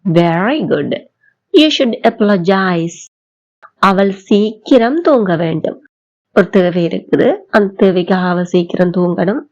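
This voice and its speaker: A woman with a Tamil accent teaching spoken English, drawing out model sentences slowly for learners to repeat. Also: lowish voice, a little mellow, lo-fi sound. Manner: slow, drawn-out model sentences for repetition. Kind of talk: bilingual language lesson.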